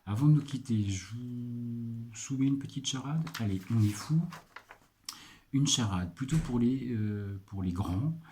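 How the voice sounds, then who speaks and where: A French librarian presenting picks in a casual video, hesitant and full of filler pauses as he checks his notes. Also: medium pitch, warm tone, a little hiss or hum. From France.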